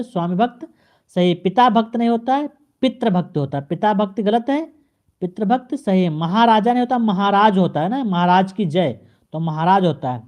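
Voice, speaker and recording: A male teacher giving an exam-prep grammar lesson, addressing the viewer and repeating each correction in a steady drilling pattern. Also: sits high. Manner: speaks straight to the viewer.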